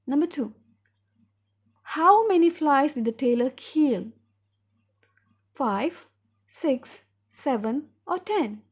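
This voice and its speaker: A woman teacher giving a recorded reading lesson, reading a story clearly and guiding pupils through questions step by step. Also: high voice, lively intonation, slow pace, long pauses.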